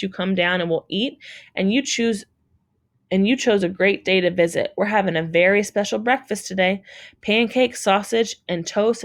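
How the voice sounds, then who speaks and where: A woman's voice: medium pitch, close to an everyday voice. A woman reading aloud, voicing a kind motherly woman in a children's storybook. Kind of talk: audiobook reading.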